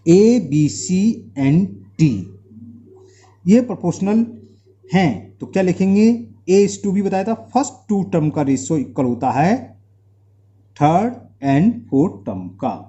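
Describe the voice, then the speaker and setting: Slow, lively Indian teacher. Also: male voice, sits high, lo-fi sound. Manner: asks the class rhetorical questions, drills terms by repetition. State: slight trouble speaking from mouth sores. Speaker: maths teacher. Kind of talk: explanatory classroom lesson.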